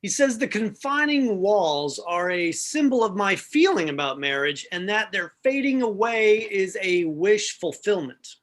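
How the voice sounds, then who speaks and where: A woman reading a halting, sheepish husband. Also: medium pitch, very animated. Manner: halting, hesitant delivery. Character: hesitant, sheepish husband, man. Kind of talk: comic play reading.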